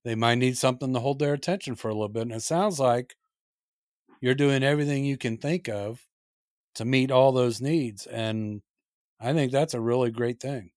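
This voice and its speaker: A man's voice: mid-range voice, normal speed, a little mellow, no echo, studio quality. A man hosting a podcast, affirming his guest in a friendly way. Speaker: podcast host. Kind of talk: casual interview chat.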